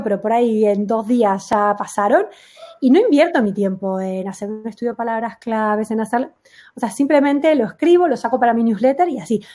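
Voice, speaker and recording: Her voice is a little high and darkish as the SEO consultant talks casually, stressing her explanations and grabbing quick examples from daily life.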